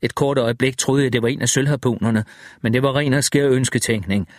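A man reading a first-person horror story aloud in a tense, measured way. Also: mid-range voice, no room sound, clean studio sound. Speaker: audiobook narrator. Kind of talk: first-person audiobook narration.

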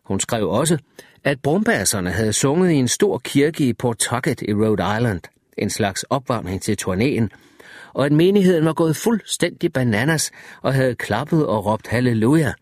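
A man's voice: medium pitch, sing-song, darkish tone, no room sound, studio quality. Man narrating an audiobook. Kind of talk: scripted first-person narration.

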